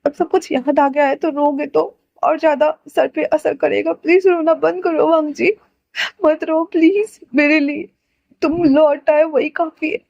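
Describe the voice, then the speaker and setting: A woman's voice: high voice, fairly even intonation, measured pace, creaky, darkish tone, dry recording, highs cut off. A woman voicing a tender young man who pleads and cries for his lover in an emotional storybook reading. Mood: pleading. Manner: emotional, pleading, often tearful.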